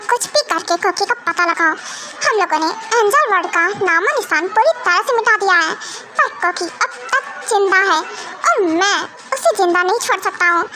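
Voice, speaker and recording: A woman's voice: very high voice, background noise. A young woman voicing a ruthless, possessive male vampire king who barks commanding orders in an amateur fan dub. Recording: music playing under the voice.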